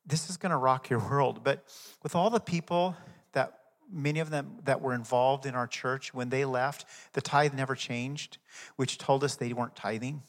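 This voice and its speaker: A man preaching a sermon as pastor, emphatic, swelling loud and dropping to a soft prayer tone, in a hall with long reverb. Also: mid-range voice, normal speed.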